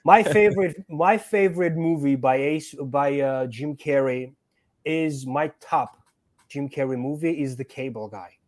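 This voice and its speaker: Earnest higher-voiced male guest. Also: measured pace, a little mellow. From born in Georgia, raised in Greece. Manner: earnest, repeats words while finding phrasing. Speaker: guest actor and stuntman. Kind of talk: casual interview chat.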